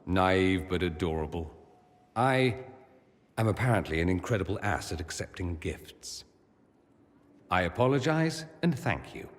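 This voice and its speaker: Dorian, a low-voiced, sardonic mage. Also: male voice, animated, measured pace, pauses often. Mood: wry. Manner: arch, sardonic, theatrical. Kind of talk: video game voice acting.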